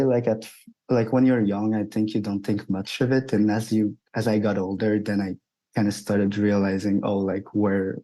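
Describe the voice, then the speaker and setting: Mellow-voiced young man, hesitant. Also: on the low side, poor audio. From Quebec, Canada. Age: 20s. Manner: hesitant, many fillers. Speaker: guest. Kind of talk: casual radio interview.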